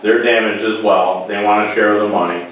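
A first selectman sits at a meeting table and talks bluntly and at length about town business, opinionated and speaking in long runs. His voice is fairly low, fairly even, and fairly quick, a bit bright, with slight hiss or hum. A far camera records him in a very echoey room.

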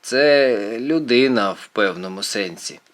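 A man's voice: fairly low pitch, animated, measured pace. A man voicing a brainy, fussy teenage boy. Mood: lecturing. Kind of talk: audiobook character voice.

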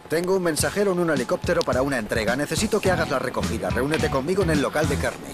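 An actor playing a curt male underworld contact who gives hurried orders in a video game. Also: a little high, lively intonation, loud music behind the voice, lightly acted. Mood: urgent. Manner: brusque, hurried commands. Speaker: game character giving mission orders.

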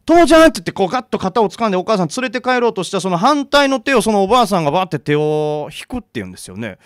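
A man telling a ghost story live in a bar, narrating dramatically and with suspense, building tension through pauses. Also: high voice, sing-song, no echo, studio quality.

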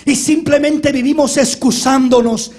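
A man's voice: very high voice, steady tone, unhurried, darkish tone. A man pastor giving an impassioned sermon and acting out the complaints he quotes.

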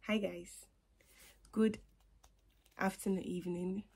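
Over loud music, a young vlogger from Ghana talks to her phone camera, propped on a table in her small bedroom. Her voice is medium-pitched, gravelly and steady, with a slow pace, and she chats easily, laughing between points and dropping into a whisper now and then.

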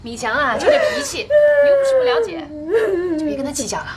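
An actress playing a younger woman of the family, coaxing others to calm down, in a TV drama. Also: very high-pitched, fast, full character voice. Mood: placating. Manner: placating, coaxing. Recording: loud background noise.

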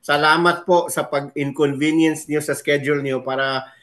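A man's voice: on the high side, fairly even intonation, normal speed, a bit bright. A man co-hosting a casual sports talk show, easygoing, switching often into English.

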